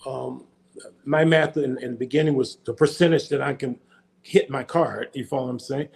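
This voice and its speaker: Gravelly older man, rambling interview guest. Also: medium pitch, fairly even intonation, normal speed, a little mellow. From United States. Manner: rambling, repeats and restarts words. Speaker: podcast guest. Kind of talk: casual interview chat.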